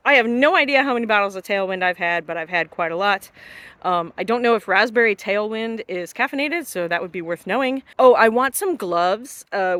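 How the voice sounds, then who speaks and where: A woman's voice: medium pitch, pushed and bright, dry recording. A woman talking casually and thinking aloud while on the move in a trail race, giving chatty vlog check-ins outdoors. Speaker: vlogger running a trail race. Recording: noisy outdoor handheld recording with clicks.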